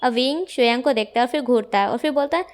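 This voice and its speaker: High-voiced woman narrating a story. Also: fast talker. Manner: plain storytelling, steady. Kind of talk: fan fiction narration.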